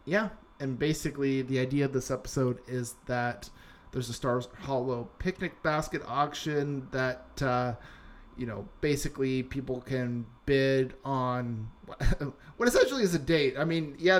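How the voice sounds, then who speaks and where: In a casual podcast chat, a young co-host rambles along with many fillers and restarts. His voice is mid-range and moves at normal speed.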